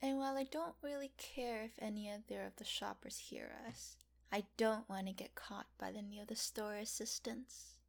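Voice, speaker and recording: A young woman speaking in a soft, teasing whisper, coaxing and affectionate, in an intimate audio roleplay. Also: medium pitch, steady tone, moderate pace, vocal fry.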